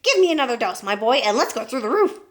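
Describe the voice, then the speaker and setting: A woman's voice: on the high side, big pitch swings, fast talker, voice pushed up. A woman reading a storybook, voicing a greedy, gleeful old grandmother with a screechy voice. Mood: demanding. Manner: shouting and whooping gleefully.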